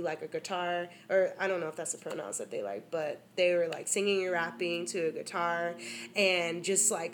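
A young woman, a rapper and DJ chatting casually as a guest, telling animated stories with bursts of laughter and frank swearing. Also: on the low side. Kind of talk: casual interview chat.

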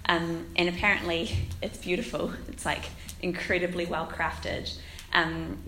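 A woman in her twenties with a croaky voice from a cold, starting phrases with a creak as she gives an informal church talk. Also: on the low side, sharp tone. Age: 20s. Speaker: guest speaker at a church. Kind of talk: informal sermon with scripture reading. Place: echoing church room, handheld microphone. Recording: roomy echo with faint noise.

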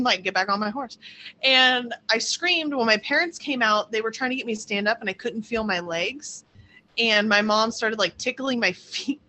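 A young woman recalls stories as an interview guest, acting out quotes in lively high voices. Her voice is bright and a little high. A faint hiss sits under the recording. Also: poor audio. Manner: animated, acts out quotes in high voices, laughs often. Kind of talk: casual storytelling interview.

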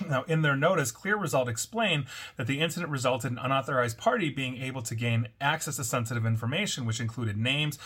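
A man's voice: mid-range voice, fairly bright tone, slightly rough. A man hosting a weekly cybersecurity news roundup, reading reports and adding wry, sardonic asides. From United States. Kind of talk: scripted news commentary with asides.

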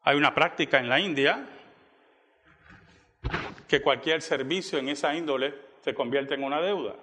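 Bright-voiced preacher in a reverberant hall. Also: male voice, normal speed. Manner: dramatic, acts out quoted dialogue with rising pitch. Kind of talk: sermon storytelling. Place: church.

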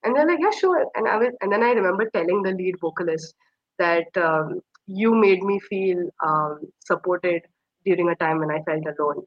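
Soft-spoken young woman, hesitant and reflective. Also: on the low side, moderate pace, dry recording. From Kashmir. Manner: hesitant, many fillers. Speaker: interview guest. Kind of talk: reflective personal storytelling. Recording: slightly muffled dry recording.

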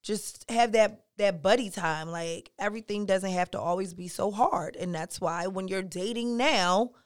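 A woman speaks with animated emphasis in casual conversation. She swears freely, and her voice is recorded close and dry. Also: mid-range voice, unhurried, no room sound. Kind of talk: casual opinionated chat.

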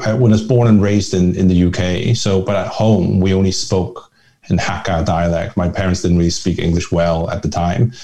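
A man's voice: low voice, dark tone. A middle-aged man from Northern Ireland, talking as an interview guest in a reflective, discursive way with frequent restarts. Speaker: guest, family office chairman. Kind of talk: conversational interview.

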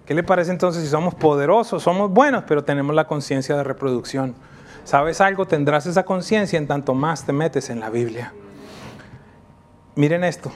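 A man in his thirties preaches a sermon to his congregation in a church, his voice sitting a little high for a man. He grows animated and lifts his voice to drive home a point. He slows right down when he reads scripture aloud. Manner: animated preaching, voice rising for emphasis. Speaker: pastor.

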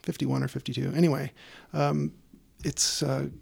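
A man's voice: mid-range voice, flat delivery, normal speed, vocal fry, a little mellow, slightly rough. A man hosting a podcast in a casual, chatty way. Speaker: podcast host. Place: small garden shed.

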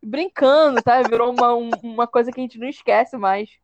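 A woman's voice: a little high, a little fast, no echo. Woman guest on a dull lo-fi recording. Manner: laughing, teasing recollection. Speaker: podcast guest. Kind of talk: casual podcast chat.

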